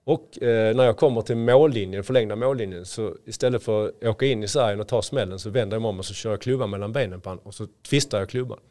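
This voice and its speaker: A man's voice: lowish voice, hardly any pauses, darkish tone. A man in his forties, a former player turned coach, telling anecdotes in a casual podcast and acting out what others said.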